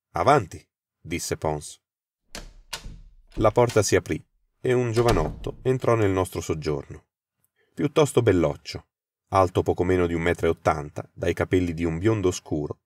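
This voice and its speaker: A male narrator telling an audiobook story in the first person, measured and steady. His voice is low and close, recorded dry without any room sound. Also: no room sound.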